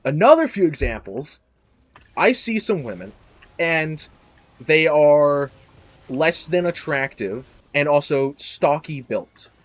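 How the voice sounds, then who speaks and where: A man's voice: fairly high pitch, sing-song, slow, no room sound. Young man rambling in casual chat. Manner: rambling, self-deprecating, bursts of loud exclamation. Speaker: podcast host.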